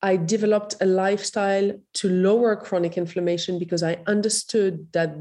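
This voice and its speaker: A woman with a blended French, Iranian and Moroccan accent, telling her story as an interview guest in a polite, measured way. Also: mid-range voice, fairly even intonation, warm tone. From Morocco, later France. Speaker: podcast guest, health platform founder.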